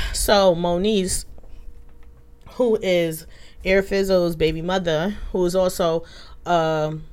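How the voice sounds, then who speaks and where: A woman with a notably low, smooth and clear voice hosts a casual podcast chat. She is a little under the weather, so her delivery is somewhat flat and monotone. She talks loosely and fills gaps with plenty of ums. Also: takes it slowly, pauses often. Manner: loose, chatty delivery with many fillers. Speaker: podcast host.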